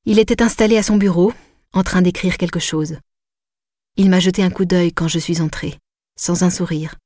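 A woman narrating a novel in the first person, in an intimate, measured way. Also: fairly low pitch, steady tone, darkish tone, no echo, clean studio sound. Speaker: audiobook narrator.

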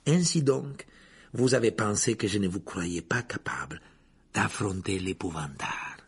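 A man reading aloud and voicing a calm, thoughtful adult male teacher in a low, husky, measured storybook voice. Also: heavily acted. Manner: soft-spoken, measured, sometimes whispered.

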